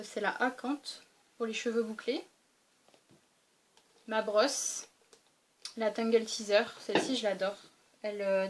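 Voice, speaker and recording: A young beauty vlogger casually shows off her weekend travel toiletries, chatting away with lots of fillers and restarts. Her voice is fairly high, with slight background noise.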